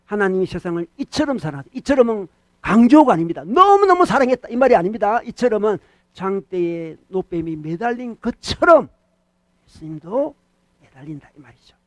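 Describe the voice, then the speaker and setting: A man preaching a sermon as pastor, animated, repeating key phrases and questioning the congregation. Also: high-pitched, a little fast, no room sound. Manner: animated preaching, acts out short rebukes to the devil.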